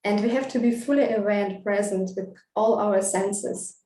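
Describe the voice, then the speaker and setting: A woman's voice: medium pitch, moderate pace, mellow. A woman who grew up in Russia and Vietnam, giving a thoughtful festival talk on street photography with frequent hesitant fillers. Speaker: guest speaker, street photographer. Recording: echoey room, distant mic.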